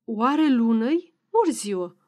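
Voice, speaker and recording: A woman's voice: on the high side, big pitch swings. A woman voicing a sleepy, grumbling old peasant man in an audiobook reading.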